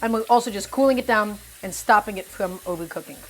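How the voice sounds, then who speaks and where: On a rough recording, a young cooking streamer speaks quickly at medium pitch. She chats with viewers in an upbeat way, frequently calling them "guys" and pumping them up.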